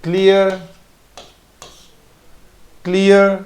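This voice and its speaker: A man's voice: sits high, completely flat delivery, extremely slow, a little mellow. A man teaching English pronunciation in a live online class with an Indian English accent, repeating each word and praising students by name.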